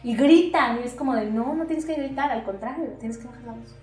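A Mexican woman therapist explaining things in lively conversation, acting out quoted voices with many fillers. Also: a little high, fairly quick, faint music behind. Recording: roomy, distant mic.

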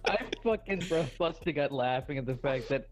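A man's voice: mid-range voice, lively intonation, moderate pace, music in the background. A man on a casual podcast who laughs and swears as he tells a story. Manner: laughs while telling, swears. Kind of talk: casual group chat.

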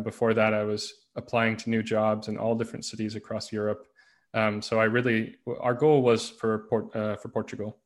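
A man from the United States, a podcast guest, telling his story in a relaxed, rambling way. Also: fairly low pitch. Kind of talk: casual interview conversation.

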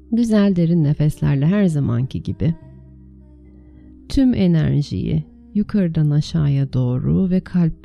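Female meditation guide: lowish, very mellow voice, soothing and unhurried, gentle instructions with spacious pauses. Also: gravelly. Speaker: meditation teacher leading a guided meditation.

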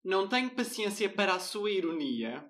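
A man's voice: sits high, big pitch swings, moderate pace, fairly bright tone. A young man with a European Portuguese accent, teasing his friend playfully in casual chat. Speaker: co-host.

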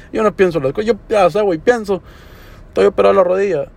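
A man's voice: sits high, fairly quick, gravelly, a little mellow. A young man telling a casual story, full of slang and swearing. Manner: slangy, swears often, says "güey" constantly. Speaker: podcaster.

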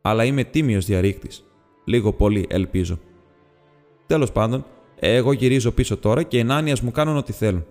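A man's voice: mid-range voice, a little mellow, lightly acted. A man reading the part of a polite, businesslike male hobbit burglar in an audiobook, speaking in a courteous, precise and slightly formal way. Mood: sheepish. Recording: long reverb with faint music.

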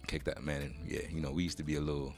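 A man with a very low voice talks about his life as a podcast guest, unhurried and reflective. He is from Cameroon and fills his talk with friendly asides. Faint music sits under the conversation. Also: flat delivery. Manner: laid-back, reflective, frequent "you know what I'm saying". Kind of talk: casual chat.

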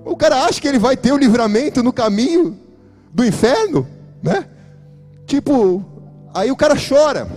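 A man's voice: extremely high pitch, very animated, moderate pace, pauses often, darkish tone, faint music behind. A man with a Brazilian Portuguese accent preaching an emphatic church sermon as a pastor, addressing his congregation directly.

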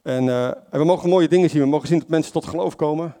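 A man's voice: on the high side, fast talker, mellow. Man, casual sermon, fillers, self-corrections, questions to listeners. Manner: conversational, many fillers and self-corrections, asks the congregation questions. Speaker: lay preacher. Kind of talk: informal sermon.

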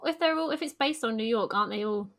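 A woman co-hosting a casual podcast, playful, with quick reactions. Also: a little high, over a noisy crowd. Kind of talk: casual chat.

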